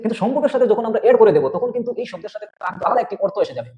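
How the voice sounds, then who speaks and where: A man's voice: high voice, expressive, very fast, a little hiss or hum. A male teacher giving an exam-prep lecture, explaining step by step and often checking in with the listener. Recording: dull lo-fi audio.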